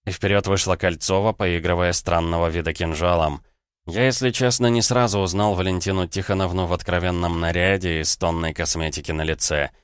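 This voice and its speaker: A male narrator reads first-person fantasy fiction at a steady, measured pace. His voice is deep, smooth and resonant. It is recorded close and dry, with no room echo. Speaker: audiobook narrator.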